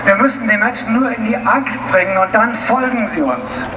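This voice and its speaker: A man's voice: high-pitched, normal speed, very noisy. A man interpreting a rally speech phrase by phrase, paraphrasing and repeating himself. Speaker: live interpreter. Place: outdoor rally before a large crowd. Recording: distant echoey PA sound, loud crowd.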